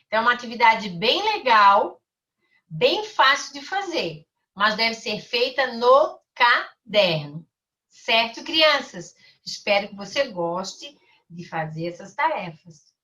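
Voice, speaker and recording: Woman teacher talking to little kids, sharp bright voice, drags words out slowly, sounds a bit far off. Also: fairly high pitch, lively intonation. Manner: slow, over-articulated for children. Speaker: primary school teacher. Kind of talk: recorded online class.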